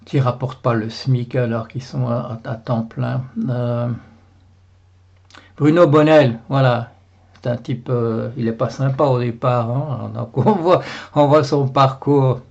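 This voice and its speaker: A man's voice: mid-range voice, steady tone, measured pace, gravelly, darkish tone, highs cut off. A Belgian man with a Belgian French accent, a blogger talking alone to camera in a rambling, indignant way with many fillers and repeats. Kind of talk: casual video monologue.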